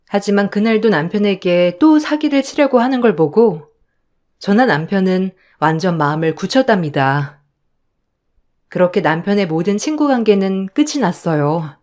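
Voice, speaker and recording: Brief: woman storyteller, mid pitch, even first-person narration with indignant tone. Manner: steady, indignant retelling.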